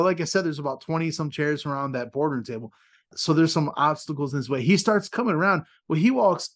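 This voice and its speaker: A man in his thirties hosting a podcast, telling a story in a casual, animated way, laughing often and acting out what people said. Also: on the high side. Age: 30s. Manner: animated, laughs often, acts out quoted lines. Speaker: podcast host.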